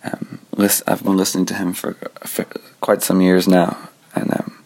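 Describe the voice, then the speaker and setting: A young male radio host from Scotland with a gravelly voice that sits a little low. He talks in a relaxed, conversational way, as if thinking aloud while he introduces the next song. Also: normal speed. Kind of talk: casual radio presenting.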